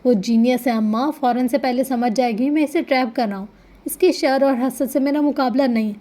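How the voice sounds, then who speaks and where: A woman's voice: high-pitched, dark tone, lightly acted. A woman voicing a doubtful, dismissive young man in a storybook reading.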